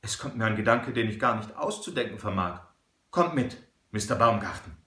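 A man voicing an excitable, cheated middle-aged banker who pleads and hesitates with little ums. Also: on the low side, fairly quick, echoey room. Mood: startled.

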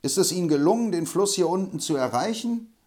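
A calm, stern frontier hero with a firm, commanding way of speaking, as an audiobook reader plays him. His voice has a lot of movement in it. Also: high voice, brisk, pitched above the performer's own voice. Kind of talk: audiobook reading.

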